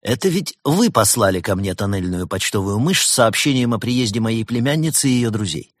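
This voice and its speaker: A man's voice: lowish voice, lively intonation, brisk, dry recording, studio quality, voice pushed up. A man voicing a thoughtful male scientist in a storybook reading, in a slightly raised voice.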